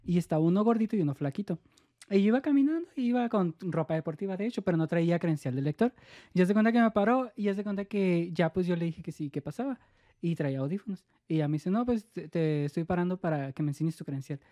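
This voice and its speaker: A woman chats casually, chatty and a little argumentative as she tells her own story. Her voice sits on the low side, warm and mellow in tone. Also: expressive, fast talker, no echo, studio quality. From northwest Mexico. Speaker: conversation partner. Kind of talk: casual chat.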